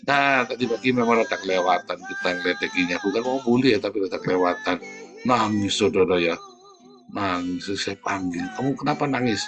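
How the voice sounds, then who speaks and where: Male preacher, casual devotional talk, lowish pitch, clear guitar backing. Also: moderate pace. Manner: conversational, often adds "saudara". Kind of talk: morning devotional sermon. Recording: guitar music behind.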